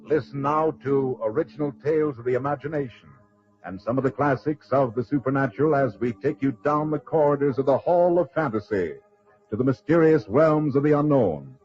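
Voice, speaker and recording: A man giving a formal, measured announcement as a vintage radio announcer. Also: mid-range voice, a little mellow. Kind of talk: 1940s radio sponsor announcement. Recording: dull old radio recording with music.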